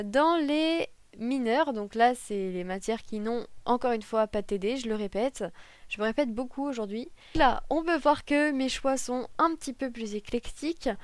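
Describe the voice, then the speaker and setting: Young woman, casual vlog chat, lots of ums and self-corrections, joking asides; smooth clear voice, dry close desk mic. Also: on the high side, dry recording. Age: young adult. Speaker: political science student. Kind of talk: casual talking-head vlog. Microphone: desk microphone.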